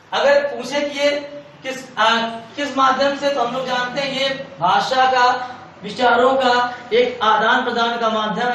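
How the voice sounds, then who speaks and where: An extremely high, slightly bright male voice delivers an exam-prep lecture, repeatedly posing questions and answering them himself while going over key points again and again. He is recorded far from the mic in an echoey room with faint hiss.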